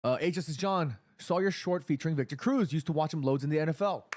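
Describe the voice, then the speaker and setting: A man in his thirties hosting a live football watchalong stream, chatting casually, reading viewer messages aloud and getting excited during attacking moves. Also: fairly high pitch, fast, a little hiss or hum. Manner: chatty, reads viewer chat aloud between play calls.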